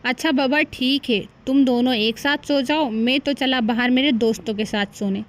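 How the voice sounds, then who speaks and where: Tired cartoon husband stuck between two wives, pleading and worn out, a woman doing him, bit high. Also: normal speed, close to an everyday voice. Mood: exasperated. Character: harried young husband, meek and fed up. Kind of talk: cartoon voice acting.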